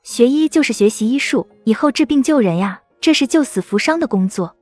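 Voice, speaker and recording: A woman playing a gentle young aunt in an animated drama, who explains things patiently and soothingly. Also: on the high side, brisk, faint music behind.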